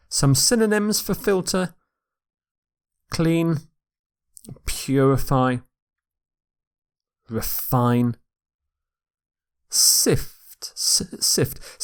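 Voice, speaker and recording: A man teaching English vocabulary in a recorded lecture, repeating each word slowly and carefully for pronunciation. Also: mid-range voice. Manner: slow, deliberate, repeats words for pronunciation.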